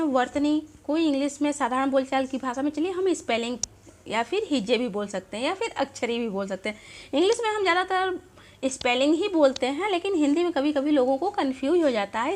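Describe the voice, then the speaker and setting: A woman gives a grammar lesson in a high, light voice. She explains step by step and repeats each example word slowly so the class can follow. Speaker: teacher.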